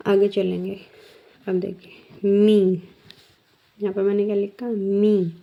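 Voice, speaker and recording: Slow, patient woman teacher. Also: medium pitch, flat delivery. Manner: slow, patient, asks the class questions. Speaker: shorthand teacher. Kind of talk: step-by-step lesson. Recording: dull lo-fi sound.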